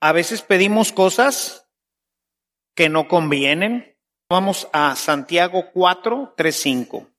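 A high-pitched man delivers a sermon at an unhurried pace. He slips into playful voices to act out prayers and then settles back into teaching. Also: expressive, fairly bright tone. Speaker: preacher.

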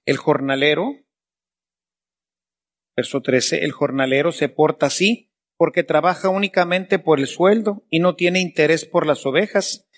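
Male priest, sermon, rhetorical questions, slightly high voice. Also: a little slow.

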